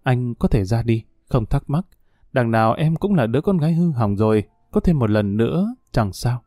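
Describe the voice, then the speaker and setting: A man voicing a weary, bitter young woman in a read-aloud story, with a dark, soft voice. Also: mid-range voice, lively intonation, moderate pace, dry recording, studio quality, soft background music, natural voice. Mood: resigned.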